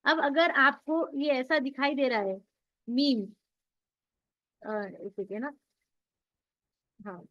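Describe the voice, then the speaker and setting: Slow and expressive, with long pauses, a high-voiced woman walks her online class through Quran recitation rules. She explains patiently, asking questions aloud and answering them herself. The sound is dull lo-fi.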